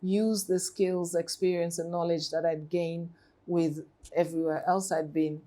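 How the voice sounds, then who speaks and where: Her voice lowish and warm, this woman in her forties from Tanzania talks a little slowly with little pitch movement. She is a nonprofit CEO being interviewed as a podcast guest, reflecting carefully and often restarting or saying "um."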